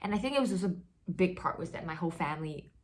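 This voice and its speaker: A woman's voice: on the low side, animated, fast. A young woman from Singapore, chatting casually to camera while getting ready, full of "like" and "you know". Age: young adult. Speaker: vlogger.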